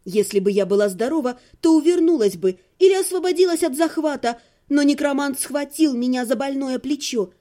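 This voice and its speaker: A woman narrates a first-person fantasy story in an expressive reading voice. Her voice sits high, yet the tone stays mellow and soft-edged. She reads the narration between the characters' lines. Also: brisk, few pauses. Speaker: audiobook narrator.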